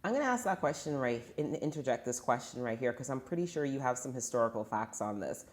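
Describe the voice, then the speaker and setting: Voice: medium pitch, lively intonation, fast talker. An interview host asking a guest questions and affirming his answers.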